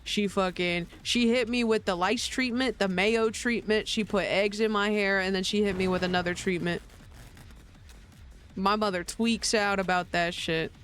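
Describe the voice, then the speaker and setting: A man's voice: high voice, fairly even intonation, moderate pace, fairly bright tone, faint music behind. A man streaming a video game, chatting casually, joking, laughing often and swearing freely, tired after little sleep. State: tired after a long night.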